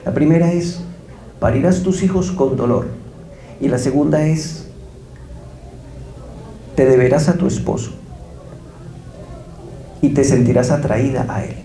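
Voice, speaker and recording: A man's voice: mid-range voice, a little slow, pauses often, mellow, roomy sound, poor audio. A man giving a religious lecture as guest speaker, telling stories with quoted dialogue.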